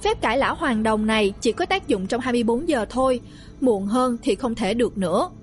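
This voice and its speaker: A woman narrating a first-person ghost story in a steady, hushed storytelling manner. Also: fairly high pitch, a little fast, soft background music. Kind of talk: scripted horror narration.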